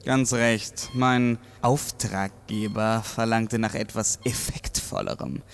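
Schauspieler als theatralischer, knarziger Professor mit übertriebenem Bühnenton. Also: male voice, lowish voice, fairly even intonation, takes it slowly, vocal fry. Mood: lecturing. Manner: hammy, stagy delivery with gloating chuckles. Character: theatrical, menacing captive mad scientist professor, sardonically polite. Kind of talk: theatrical German audio drama acting.

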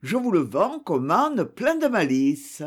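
A storyteller voicing a practical farmer, speaking calmly and matter-of-factly. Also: medium pitch, takes it slowly, breathy edge, heavily acted. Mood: firm. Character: plain-spoken farmer, firm and practical. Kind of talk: storybook reading.

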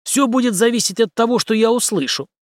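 A man performs a confident, mocking special-forces commander who speaks with cool menace, pitching his voice above his natural one. It comes out very high and fairly quick, in clean studio quality with no room sound.

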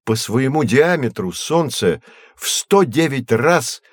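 In an educational audio drama, a male actor plays a learned astronomy professor, a teacher who explains patiently in a measured, didactic way. The full character voice is mid-range and breathy-edged with big pitch swings, and there's no echo.

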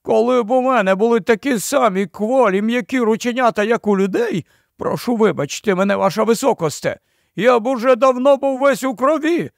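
A man voicing a gloomy, lanky male marsh creature in an audiobook, in a high, creaky, slow voice. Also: no echo, clean studio sound. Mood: gruff. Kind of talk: audiobook character voice.

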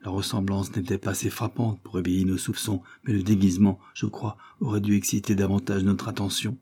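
A man reading the part of a grave husband who confides a painful secret, in a solemn, measured manner. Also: lowish voice, little pitch movement, dark tone, husky.

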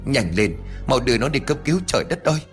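A man's voice: mid-range voice, expressive, quick pace, faint music behind, voice pushed up, close to an everyday voice. A man playing a serious, worried middle-aged village father in a spoken ghost story. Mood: desperate.

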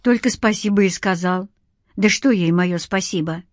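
A woman's voice: medium pitch, normal speed, no room sound, studio quality, close to an everyday voice. A woman voicing a naive, good-natured young village man who speaks earnestly.

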